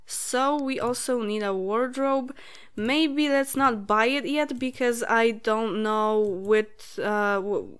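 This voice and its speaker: A woman in her late twenties, Polish by birth, talks through a game in English as a relaxed let's-play host. Her voice sits somewhat high and she speaks at an unhurried pace. She thinks aloud in a chatty way and giggles often. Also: clear, resonant tone. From Poland. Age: late 20s. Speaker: gaming channel host.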